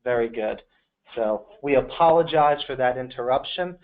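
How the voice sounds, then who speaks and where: Male webinar host, mid-pitched, on a tinny phone line with uneven, fluctuating volume. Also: normal speed. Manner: apologetic, upbeat, direct to audience. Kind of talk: live webinar presenting. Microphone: phone dial-in.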